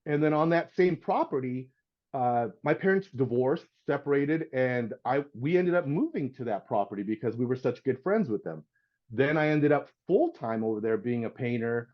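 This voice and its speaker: Here the same kind of speaker, a middle-aged painter on a podcast, is pitched in the middle range and moves at a moderate pace, the top end of the audio trimmed away. He's an animated storyteller, casually mimicking the people in his tale and peppering it with "dude" and "man."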